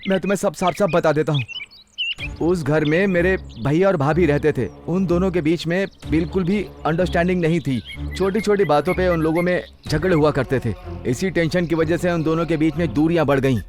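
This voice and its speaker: A man's voice: fairly high pitch, a little fast, darkish tone, natural voice. A man dubbing a frightened captive who pleads and protests. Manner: pleading, exasperated. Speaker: kidnapped estate owner. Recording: film dub with music underneath.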